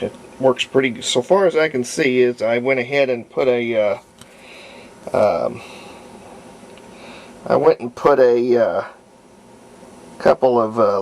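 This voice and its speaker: A hobbyist restorer casually talks through a repair without a script, folksy and rambling as he thinks out loud. His voice is medium in pitch. The audio is poor, with a bit of hiss or hum.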